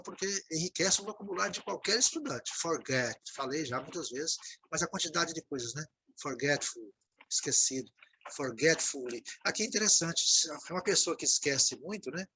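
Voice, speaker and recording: A man's voice: fairly high pitch, bright, forceful tone, breathy edge, poor audio. A Brazilian man with a Brazilian Portuguese accent recording a video lesson on English vocabulary, patiently repeating words and checking in with his students. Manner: explanatory, repeats words, frequent "né, gente?". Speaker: English teacher.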